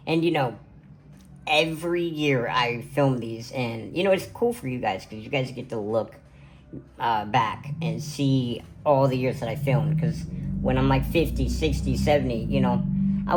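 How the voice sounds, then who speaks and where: A content creator in his twenties talks casually to camera for a birthday vlog, filmed indoors in his home gaming room. He rambles with lots of fillers in a mid-range voice, with a little hiss or hum on the recording.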